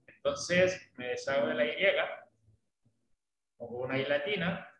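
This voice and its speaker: Slow, patient male English teacher. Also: a little high, roomy sound, highs cut off, a crowd in the background. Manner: patient, often checks understanding with tag questions. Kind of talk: online English lesson explained in Spanish.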